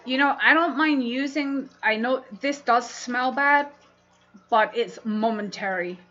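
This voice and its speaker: A woman from London, England, hosts a livestream about her fishkeeping hobby, rambling casually as she responds to viewers. Her voice is fairly high and fairly bright, her pace measured, her accent London English. The audio is muffled and dull.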